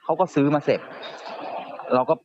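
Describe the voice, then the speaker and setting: A man casually telling a ghost story on a live show, halting and often repeating his words. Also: lo-fi sound, a little hiss or hum. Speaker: guest storyteller.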